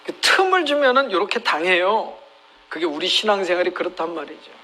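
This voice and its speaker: A man's voice: high voice, sing-song, brisk, pushed and bright, slight background noise, rough recording. A middle-aged male pastor preaching a sermon, emphatic, retelling scripture with acted quotes.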